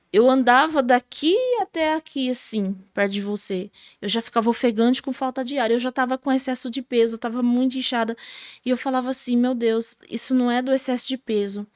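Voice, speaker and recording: On a podcast interview, a gospel singer from Brazil recounts her personal testimony with emotional storytelling, sprinkling in fillers like "sabe?". Her high-leaning voice holds a steady tone at a moderate pace, recorded at studio quality with no echo.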